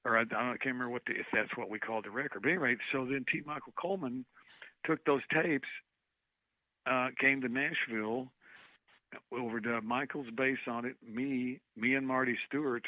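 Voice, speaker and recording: A man on a phone call, telling rambling, animated stories and losing track of names along the way. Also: mid-range voice, brisk, no echo. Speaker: guest musician on a call. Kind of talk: casual phone chat. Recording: tinny dry phone line.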